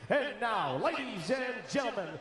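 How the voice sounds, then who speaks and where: A man working as a boxing ring announcer, giving bilingual French and English introductions in a theatrical, drawn-out, projected delivery. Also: extremely high pitch, very animated. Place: large indoor boxing arena. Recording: echoing arena PA, loud crowd. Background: cheering crowd.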